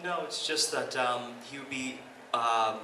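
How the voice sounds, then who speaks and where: Man, audience question, halting with ums, mid pitch, very echoey hall, distant, hiss. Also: pushed and bright. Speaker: audience member asking a question.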